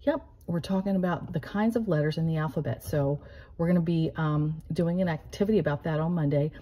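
A middle-aged American woman with a slightly husky voice, speaking as a teacher to young children in simple explanations. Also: low-pitched, brisk, dark tone, lo-fi sound. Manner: simple explanations with frequent checking questions. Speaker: elementary school teacher. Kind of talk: instructional talk to young children. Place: living room at home, indoors.

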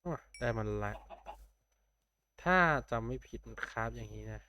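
A man's voice: fairly low pitch, animated, moderate pace, bright, forceful tone, a little hiss or hum. A young man casually commenting on his Minecraft game, thinking aloud and chatting with viewers. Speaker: gameplay streamer.

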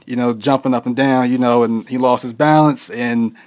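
A man's voice: mid-range voice, fairly even intonation, normal speed, a little mellow. Laid-back young man, lots of fillers. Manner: laid-back, heavy with fillers like "you know". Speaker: interview guest, musician. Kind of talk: casual interview conversation.

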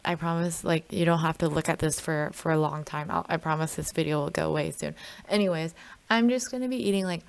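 A woman's voice: low-pitched, creaky. A young college-age woman chatting casually to camera, with a slight lisp from wearing a retainer. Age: young adult, college student. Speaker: student vlogger. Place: small dorm room, indoors.

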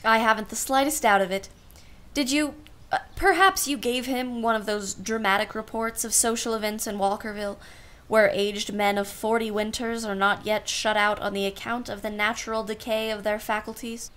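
A woman's voice: a little high, fairly even intonation, moderate pace, fairly bright tone, natural voice. A woman playing a genteel society aunt in a radio play, speaking with arch formality and dry irony. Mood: wry, arch. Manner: arch, formal, dryly ironic. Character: wry, genteel society aunt, privately exasperated.

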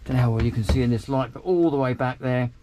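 Moving through a small motor boat cabin with a handheld camera, a man who reviews boats keeps up a chatty, upbeat commentary on its features. His medium-pitched voice is mellow and fast, and a little background noise can be heard.

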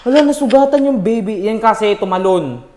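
A man's voice: high voice, lively intonation, fairly quick, darkish tone. A young man playing a scary game, nervously scolding the baby on screen, laughing and yelping in fright. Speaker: gaming streamer. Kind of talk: nervous let's-play commentary. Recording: echoey room with noise behind.

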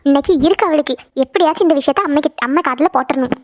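A woman's voice: high-pitched, rapid-fire, voice pushed down, close to an everyday voice. Woman voicing a spiteful scheming cartoon girl. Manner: scornful muttering. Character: spiteful young woman scheming to tell on a rival. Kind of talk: cartoon voice acting.

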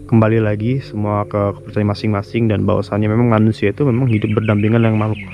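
A man's voice: fairly low pitch, little pitch movement, fast, dull audio, a little hiss or hum. A man hosting a casual vlog, chatting loosely with viewers and interviewing locals outdoors. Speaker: vlogger, host.

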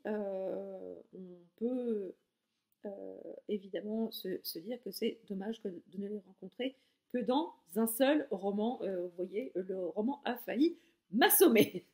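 A woman's voice: mid-range voice, mellow. A woman from France giving a casual, enthusiastic book review straight to her viewers.

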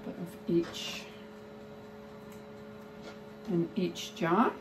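Middle-aged woman chatting away while she chops, slow and easy, noisy kitchen behind. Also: lowish voice. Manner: chatty, thinking aloud while chopping. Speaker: cooking vlogger. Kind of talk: casual cooking chat. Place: home kitchen, indoors. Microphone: phone camera held nearby. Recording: noisy home kitchen ambience.

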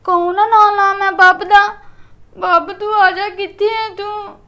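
A grown woman who talks like a little child, stubborn and whiny, refusing her medicine in a piping high voice, as an actress plays her. Her voice sits extremely high. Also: fairly even intonation, unhurried, pushed and bright, full character voice. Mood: stubborn childlike. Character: young woman with a childlike mind.

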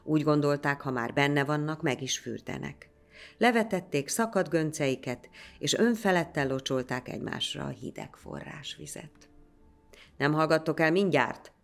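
Low gravelly woman telling a legend. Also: expressive. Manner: measured, storytelling. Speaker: storyteller. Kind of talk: scripted legend narration.

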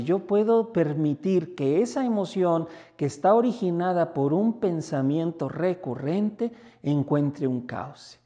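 Warm-voiced Mexican priest giving a talk. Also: male voice. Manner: conversational, acts out little everyday dialogues with lively pitch jumps. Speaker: priest and basilica rector. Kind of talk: spoken reflection message.

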